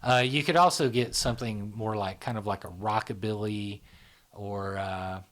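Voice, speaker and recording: A middle-aged man who founded and hosts a psychology channel talks casually in an interview. His lowish voice is steady, a bit bright and at normal speed. He rambles, leans on fillers and keeps checking in with "right?" and "you know?"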